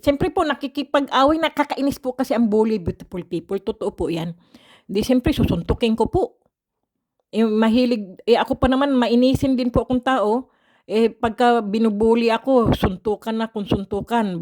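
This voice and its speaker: An older woman from the Philippines, vlogging and telling her viewers a story casually, in a frank, polite and chatty way, laughing often. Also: fairly high pitch. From Philippines, raised partly in Mindanao.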